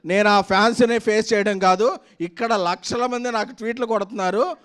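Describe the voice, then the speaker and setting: A man's voice pitched extremely high. He delivers a promotional speech at a film event in an emphatic, declamatory way. His phrases come in punchy, repeated runs that build up like slogans. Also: fairly even intonation, a little fast, a bit bright. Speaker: film producer giving a speech.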